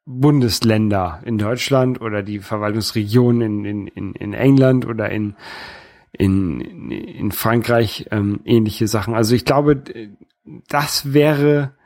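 Speaking in a light North German accent, this man from the north of Germany shares his views in a casual political discussion, hesitating and repeating words while he hunts for what to say next. The voice is lowish and darkish, and the recording has no echo.

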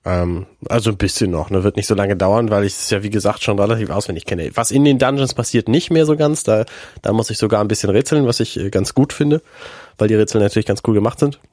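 A man's voice: fairly low pitch, quick pace, darkish tone, no echo, clean studio sound. Man with a stuffy nose, chatting casually. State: stuffy nose from being ill, sounds congested. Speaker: podcast co-host. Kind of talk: casual chat about video games.

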